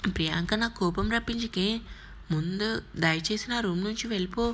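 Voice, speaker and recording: A woman's voice: mid-range voice, normal speed, a bit bright, slight background noise, close to an everyday voice. A woman voicing an angry young husband, harsh and scolding in a dramatized audiobook reading. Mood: furious.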